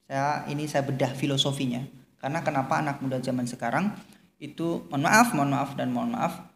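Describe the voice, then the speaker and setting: A man's voice: mid-range voice, fairly quick, gravelly, fairly bright tone. A man, a podcast guest, explaining his views at length in a casual religious talk. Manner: explanatory, lecturing, mixes in Javanese phrases. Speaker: guest speaker. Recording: echoey room with long reverb, faint hum.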